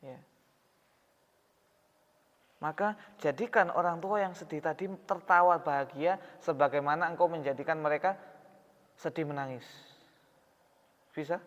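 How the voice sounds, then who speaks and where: A man's voice: on the high side, unhurried, long pauses. A man preaching a sermon in a mosque hall, talking in a conversational way and asking his audience questions. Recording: reverberant hall, dull sound.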